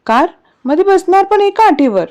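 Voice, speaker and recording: A woman's voice: very high voice, sing-song, normal speed, darkish tone, voice pushed up. A woman voicing a bold, sassy young woman who makes demands.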